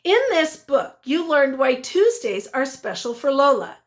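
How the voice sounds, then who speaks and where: A female teacher reads to young children from a picture book, very animated and expressive in a high voice, breaking off to ask questions.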